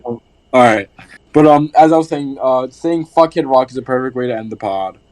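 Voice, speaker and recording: A man's voice: medium pitch, normal speed, darkish tone, poor audio. A man hosting a casual podcast, loose and profane, rambling with lots of fillers. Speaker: podcast host.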